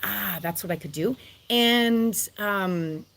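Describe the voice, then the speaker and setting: A woman's voice: mid-range voice, takes it slowly, gravelly, fairly bright tone. A woman who works as a social worker, hosting a live stream with effusive, rambling talk and frequent laughter, recorded on an outdoor deck. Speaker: spiritual vlogger and social worker.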